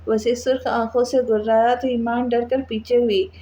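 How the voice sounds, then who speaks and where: A woman narrating a novel aloud in a steady, measured reading. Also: on the high side. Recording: muffled lo-fi with faint hiss.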